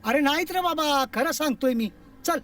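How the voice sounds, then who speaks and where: A man's voice: extremely high pitch, moderate pace, a bit bright. An actor playing a poor, weary old grandfather who pleads and talks in a way. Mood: pleading. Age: older. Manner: pleading, then teasing and fond. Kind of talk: film acting. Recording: distant mic with background music.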